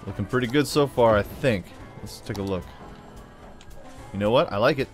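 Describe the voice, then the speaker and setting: With background music running, a man from the United States narrates his game at a normal speed in a fairly low voice. He's a gaming video host whose loose, playful musings often drift into exaggerated drawls.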